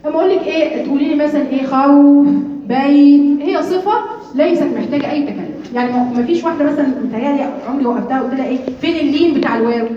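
Brisk Egyptian woman teaching in echoey classroom. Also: high-pitched, far from the mic, faint music behind. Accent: Egyptian Arabic. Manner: lively, asks the class questions and answers them; draws out key terms slowly. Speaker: Quran recitation teacher. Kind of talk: live classroom lesson. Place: classroom with women students. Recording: echoey room, voice from across the room, muffled. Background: chattering students.

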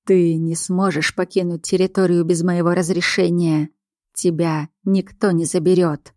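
Brief: female narrator doing a calm, controlling male werewolf alpha, slow and low-pitched. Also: dry recording, clean studio sound, close to an everyday voice. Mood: menacing.

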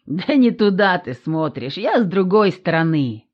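Woman doing a gruff bossy old woman. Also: lowish voice, very animated, unhurried, highs cut off. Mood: amused. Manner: gruff, commanding. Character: stern bossy old woman, foul-mouthed. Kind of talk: audiobook character voice.

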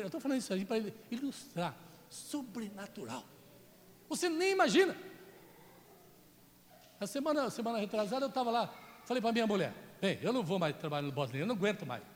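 A man with a Brazilian Portuguese accent preaches in a high, lively voice that rises and falls all over. He tells stories in a chatty way and teases people in the pews by name. A long reverb from the church hall trails after him. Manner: chatty, jokes with the congregation by name. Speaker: pastor. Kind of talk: storytelling sermon.

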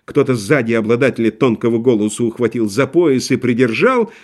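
A man reading a novel aloud as an audiobook narrator, expressive and vivid. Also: medium pitch, a little fast. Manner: expressive, acting out crowd voices.

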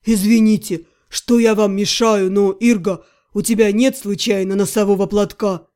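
A woman's voice: mid-range voice, fairly even intonation, normal speed, mellow, pitched below the performer's own voice, natural voice. A woman voicing a wry male half-gnome friend with a drawling, mock-dramatic manner. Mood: wry, teasing.

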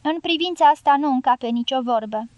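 A woman voicing a rough, loyal male guerrilla fighter who talks bluntly, in an audiobook. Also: high voice, a little mellow, no echo, lo-fi sound, close to an everyday voice. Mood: blunt, sorrowful.

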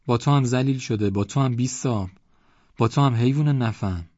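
A man's voice: mid-range voice, darkish tone, no echo, pitched above the performer's own voice, close to an everyday voice. A man voicing a worn-out village woman who curses and scolds her cow, breathless and complaining. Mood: scolding. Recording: dull lo-fi audiobook recording.

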